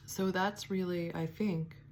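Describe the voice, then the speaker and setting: A woman giving a spiritual teaching, speaking softly and reflectively, with pauses, fillers and restarts. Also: fairly low pitch, steady tone, a little hiss or hum. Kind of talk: devotional teaching talk.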